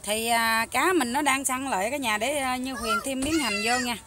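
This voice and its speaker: A young woman with a Southern Vietnamese Mekong Delta accent, chatting loudly and eagerly to viewers while she cooks in a rural hut kitchen. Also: high voice, moderate pace. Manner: loud, chatty, enthusiastic, talks over noisy kids. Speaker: cooking vlogger. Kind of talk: casual cooking vlog chat.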